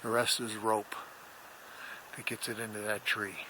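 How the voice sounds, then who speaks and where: On a handheld camera outdoors in wooded mountain country, a man gives a casual video tour of his radio hobby setup. His voice is fairly low and level, unhurried, with a folksy, rambling way of explaining, and the camera audio is noisy.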